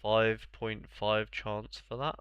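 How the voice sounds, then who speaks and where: A young man on a live stream talks casually and rambles, answering viewers as he goes, his voice stuffed-up and congested. His pitch is on the low side, his delivery flat and slow, and his tone bright and clear. The audio is close, dry and dull, with no room sound.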